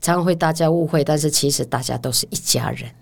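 A woman's voice: low voice, fast talker, creaky, breathy edge. A woman with a Taiwanese Mandarin accent, a language teacher explaining things as a guest in a casual interview and often affirming with short interjections.

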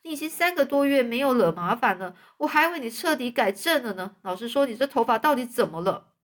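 A woman's voice: a little high, lively intonation, fast, voice pushed up, close to an everyday voice. A strict older woman guardian, as a female reader puts her on for a storybook, scolding in a raised, clipped voice. She gives orders and demands answers. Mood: stern. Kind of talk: storybook reading.

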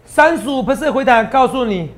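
A man with a Taiwanese Mandarin accent hosting a stock-tips show, animated and boastful, lecturing viewers like students. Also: very high voice, brisk. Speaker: stock market analyst host.

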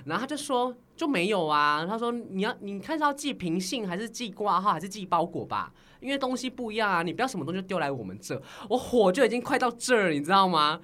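A woman's voice: mid-range voice, quick pace, hardly any pauses. A woman telling stories in a casual chat, acting out the people she quotes. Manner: animated storytelling, acts out quoted people.

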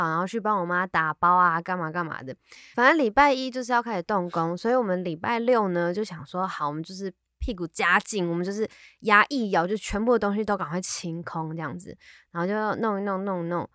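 A young woman co-hosting a podcast in casual chat, lively and teasing, laughing often. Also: medium pitch, fairly quick, dry recording, clean studio sound. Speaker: podcast co-host.

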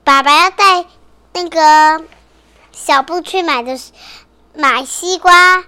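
A little girl with a very high, bright voice tells a children's story. She goes slowly and haltingly, repeating herself and stretching words as she works through the picture book. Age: young child. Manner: halting, repetitive young child's delivery with drawn-out words. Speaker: guest storyteller standing in for the regular host.

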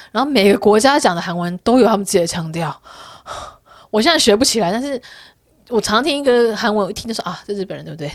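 Casual woman vlogger, fast and expressive, candid, laughs a lot, dry close sound. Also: medium pitch, no room sound. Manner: laughs often, candid storytelling. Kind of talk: casual chat to viewers. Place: Korea.

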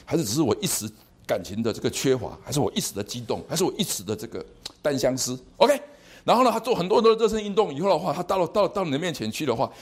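A man lecturing to a university class in a lively, animated way, often repeating words and asking the class questions. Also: on the high side, fast talker. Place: lecture hall.

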